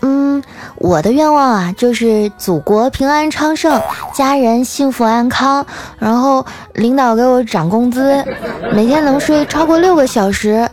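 A woman voicing a whiny, self-mocking young female coworker who talks in a slow, sulky drawl. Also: sits high, a little mellow, a faint crowd, voice pushed up. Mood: dreamy.

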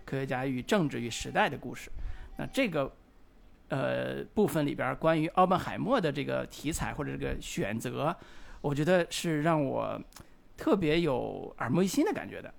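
A middle-aged man in his forties, co-hosting a podcast and talking slowly and reflectively about a film, with frequent hesitant fillers. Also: mid-range voice, expressive, gravelly. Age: 40s. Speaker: podcast co-host. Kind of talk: casual film discussion.

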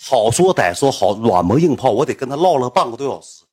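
A young man streaming from home spins a rambling story in a slangy Northeastern Chinese accent. His voice is slightly husky, and he talks quickly. His pitch bounces lively through the telling. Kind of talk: casual storytelling livestream.

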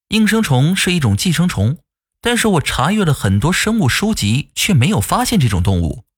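Narrator, male, husky and lively, chatty folk-tale teller with asides. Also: a little high. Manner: chatty, folksy storytelling with asides. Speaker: storyteller.

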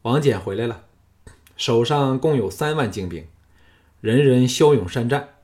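A man voicing a young, proud and scheming king who is uneasy before his general, speaking in a raised, forceful voice in an audiobook. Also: mid-range voice, animated, a little slow, natural voice.

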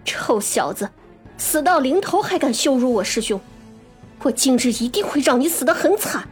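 A man voicing a fierce young woman warrior with a shrill falsetto in an audiobook. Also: big pitch swings, normal speed, faint music behind. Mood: furious. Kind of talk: audiobook character voice.

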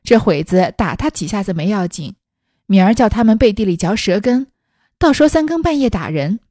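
A woman voicing a gentle young maidservant who talks in a soft, placating way. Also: mid-range voice, animated, normal speed, no room sound, clean studio sound, lightly acted.

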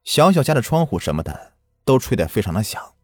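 A man's voice: medium pitch, big pitch swings, fairly quick, a little mellow, no echo, clean studio sound, faint music behind. A man narrating a first-person ghost story in an earnest manner, recounting a village memory from his childhood.

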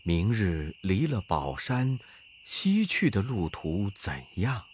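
A man voicing a gentle, pious monk in a quiet, lowered voice. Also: very animated, slow pace, slight background noise. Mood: mild.

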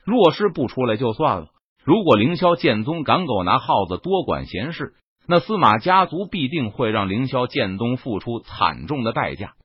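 A man's voice: mid-range voice, very animated, normal speed, breathy edge, no room sound. A man voicing a cruel, sneering male guard captain who threatens his prey, in a dull, dry recording. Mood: scornful.

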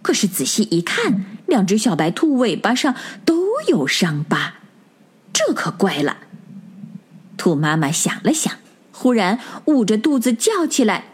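A woman telling a children's bedtime story, gentle and expressive, addressing the children. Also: medium pitch, unhurried, husky.

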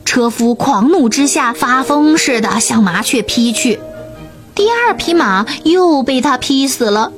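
A woman narrating a children's bedtime story, gentle, clear and expressive. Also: high-pitched, a little slow. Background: soft music.

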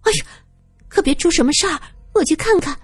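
A woman's voice: very high voice, expressive, racing, soft background music, voice pushed up. A woman voicing a timid young woman who pleads meekly, close to tears. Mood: frightened. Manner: pleading and meek. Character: timid, tearful young woman, easily frightened.

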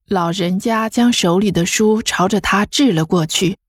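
A woman narrating a fan audio drama in an even storytelling manner. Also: medium pitch, normal speed, husky, no room sound, studio quality. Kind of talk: scripted narration.

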